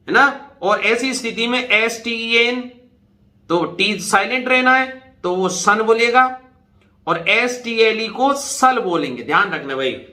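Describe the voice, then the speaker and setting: A man's voice: high-pitched, sharp tone. A man in his fifties teaching a pronunciation lesson, spelling words out letter by letter and repeating them patiently. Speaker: English teacher. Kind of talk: classroom-style pronunciation lesson. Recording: echoey room.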